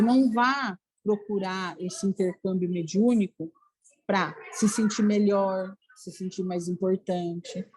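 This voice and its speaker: A woman leading a spiritist study group in a casual, animated talk, acting out little dialogues and often checking in with her listeners. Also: medium pitch, breathy edge, poor audio. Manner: animated, acts out little dialogues, says "né, gente?" a lot.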